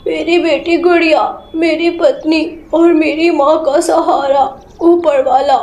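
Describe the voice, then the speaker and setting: A woman's voice: sits high, steady tone, slow, darkish tone. A woman voicing a male sparrow who laments in pain as he dies, in a storybook tale. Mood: anguished. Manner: pained, gasping laments. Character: dying male sparrow father, anguished. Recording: roomy echo.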